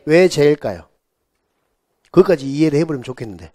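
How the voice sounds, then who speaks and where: A man teaching real estate law for an exam course. He drills students with questions and has them repeat terms back, stretching key words out slowly. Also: a little high, expressive, mellow. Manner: drills students with call-and-response repetition. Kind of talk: exam prep lecture.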